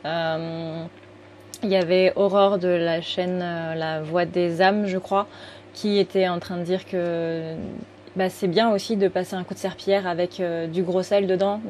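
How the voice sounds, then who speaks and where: A woman's voice: on the low side, a little mellow, slight background noise. A woman giving a casual, rambling tarot reading, full of fillers and self-corrections. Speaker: tarot card reader.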